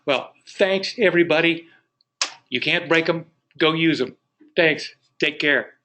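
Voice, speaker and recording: A man's voice: fairly high pitch, unhurried, pushed and bright, poor audio. A man leading a live training webinar for real estate agents, talking in a folksy, encouraging, conversational way.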